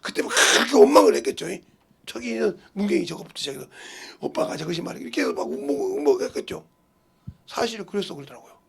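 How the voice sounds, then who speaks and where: Gravelly, husky preacher with swinging pitch. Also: male voice, very animated, fast. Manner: swings from hushed murmurs to loud cries, acting out relatives' words. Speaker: pastor. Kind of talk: sermon with told stories.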